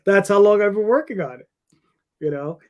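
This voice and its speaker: A comic creator in his fifties is interviewed, speaking casually in a fairly high-pitched voice. He is animated and talks at a moderate pace, rambling through his thoughts in a loose, conversational way.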